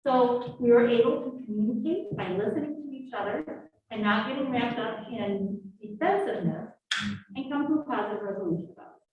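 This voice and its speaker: A woman's voice: a little high, brisk, slight background noise. A woman instructor leading a live leadership workshop, drawing answers from the audience in a classroom. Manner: lively, coaxing audience answers. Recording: echoey room, distant muffled mic.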